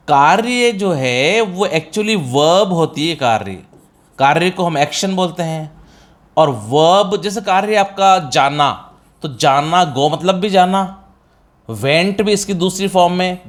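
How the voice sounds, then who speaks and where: Indian male English teacher, middle-aged, fairly high voice, patient step-by-step explaining, quizzes students. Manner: explains step by step, addresses students as beta, asks and answers own questions. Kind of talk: classroom-style spoken English lesson.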